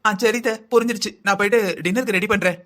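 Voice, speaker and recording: A man's voice: high voice, fairly even intonation, very fast, pushed and bright. A man voicing a lazy, scheming young wife in a cartoon, whining and complaining in long sing-song lists. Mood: sly. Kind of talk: cartoon voice acting.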